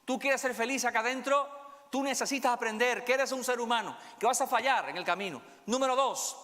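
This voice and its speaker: A male pastor preaching a sermon, acting out quoted dialogue in a soft, slowed voice. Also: very high-pitched. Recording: long hall reverb.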